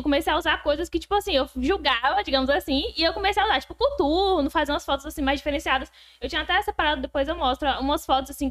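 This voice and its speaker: Young woman guest, high voice, talks super fast, casual podcast chat. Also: a bit bright. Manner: fast, rushed talk. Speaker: guest influencer.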